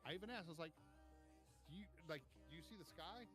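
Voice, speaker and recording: A man telling a long trip story in casual chat, animated and profane, acting out what people said. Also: fairly high pitch, fast talker, soft background music. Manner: animated, profane, acts out quotes. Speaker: podcast co-host.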